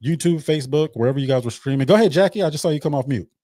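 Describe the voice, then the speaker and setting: A man's voice: mid-range voice, very fast, mellow, no echo. Guy hosting a live stream, chatty and loose, dry sound. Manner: loose, chatty, repeats words. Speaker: host. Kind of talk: casual livestream chat.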